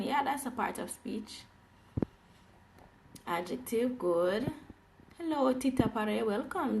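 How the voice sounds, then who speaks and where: Woman from Jamaica, online English teacher, upbeat and welcoming, slightly high voice, phone stream. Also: gravelly, a little mellow, a little hiss or hum. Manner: cheerful, repeats welcomes to viewers. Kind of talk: live online English class, greeting viewers.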